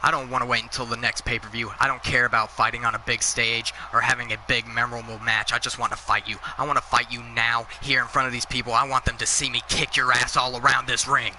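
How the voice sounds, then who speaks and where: A man's voice: medium pitch, flat delivery, quick pace, hardly any pauses, pushed and bright, a little hiss or hum, rough recording. A man reading as a threatening challenger wrestler. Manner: plain voice, no accent attempted. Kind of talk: reading in-game promo lines aloud.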